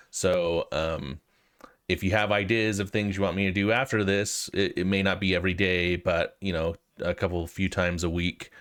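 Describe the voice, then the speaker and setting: This is the host of a programming walkthrough, an American man whose deep voice carries a bit of brightness. Despite having a cold, he talks casually and informally, pausing hesitantly while he works through his thoughts.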